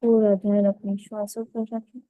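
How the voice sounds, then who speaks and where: A woman with a medium-pitched voice leads a guided meditation, giving calm, unhurried instructions in short phrases separated by pauses. There's no room sound, though the audio quality is poor.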